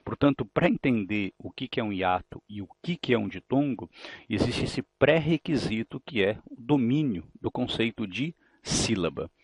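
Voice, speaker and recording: A man's voice: mid-range voice, animated, moderate pace, husky, dry recording. A Brazilian Portuguese-accented man teaching a grammar lesson for exam prep, explaining patiently and asking rhetorical questions. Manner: explanatory, asks rhetorical questions, repeats key points.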